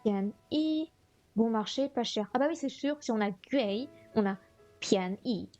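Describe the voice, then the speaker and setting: A woman revising vocabulary on a live stream, talking slowly in a fairly high voice. She thinks out loud and keeps correcting herself as she goes. Faint music plays under her voice. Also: expressive, highs cut off. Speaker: streamer studying Chinese vocabulary. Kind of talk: live-stream study session.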